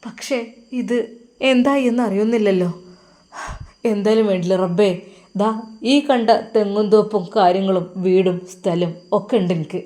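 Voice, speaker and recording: A woman's voice: mid-range voice, moderate pace, pauses often, mellow, natural voice. A woman doing a tearful pleading old father. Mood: despairing. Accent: Malappuram Malayalam. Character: grieving elderly father pleading for his son.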